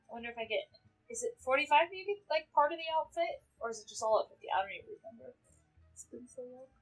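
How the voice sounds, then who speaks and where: A woman's voice: sits high, expressive, fast talker, soft background music, rough recording. A woman gaming YouTuber chatting casually as she plays, thinking aloud about quests. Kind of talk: casual game commentary.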